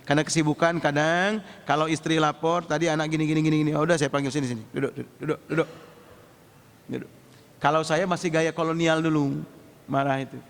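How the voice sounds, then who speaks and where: A man preaching a sermon, telling lively stories and acting out parents and children in slang. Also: on the high side, in a large hall. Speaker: Islamic preacher.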